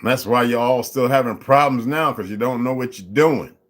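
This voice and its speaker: In a medium-pitched voice at a moderate pace, this channel host runs through his views in a relaxed monologue. He lists figures aloud, invites listeners to keep up, and punctuates it all with emphatic, mocking remarks.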